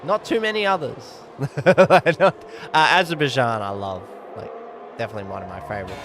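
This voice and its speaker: A man's voice: medium pitch, moderate pace, fairly bright tone, a little hiss or hum. A man giving casual, rambling live commentary on a sim race, often correcting himself.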